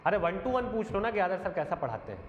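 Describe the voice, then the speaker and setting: A man's voice: high voice, sing-song, fast talker. A male teacher, defending himself point by point in an earnest, aggrieved monologue. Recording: echoey dull room sound, faint noise.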